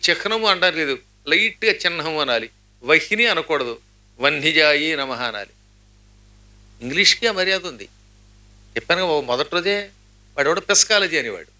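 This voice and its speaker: A man's voice: on the high side, expressive, moderate pace, pauses often, bright, forceful tone. A middle-aged man giving a spiritual discourse, chanting verses and then explaining them, with humorous asides that mimic how words get pronounced. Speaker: religious speaker.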